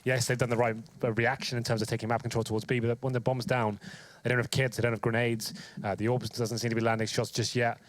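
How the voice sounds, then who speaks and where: Rapid-fire analytical esports color commentator. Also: male voice, medium pitch, little pitch movement, no room sound. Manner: analytical, rapid, with casual fillers.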